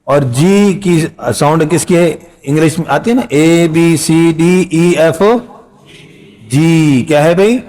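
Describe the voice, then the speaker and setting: A middle-aged man teaching Quran reading in a casual spoken lesson, explaining patiently and repeating phrases and drawn-out letter sounds. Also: on the high side, darkish tone.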